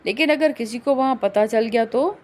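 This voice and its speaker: A middle-aged housemaid speaks hesitantly and anxiously in a novel audiobook, as a woman reads her lines. The voice is somewhat high. The tone is worried. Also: darkish tone, lightly acted.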